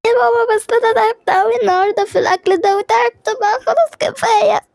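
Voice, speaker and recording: A woman voicing an upset young woman with an Egyptian accent, talking in a squeaky, fast, complaining way in a home-made animated drama. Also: gravelly, no echo, studio quality. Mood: whiny.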